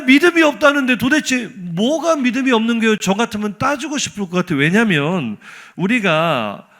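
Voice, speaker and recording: A male pastor preaching a sermon in a church, animated and humorous, firing rhetorical questions at the congregation. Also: sits high. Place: church sanctuary.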